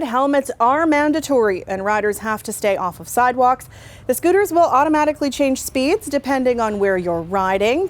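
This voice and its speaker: A woman reading scripted television news as an anchor. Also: on the high side.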